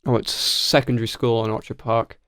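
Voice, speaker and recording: A man's voice: medium pitch, level tone, brisk, a bit bright, clean tone, no room sound, clean studio sound. A young man with a Hull accent chatting casually and informally, with some swearing. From Hull, England. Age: young adult. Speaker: podcast guest, music student. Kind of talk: casual chat.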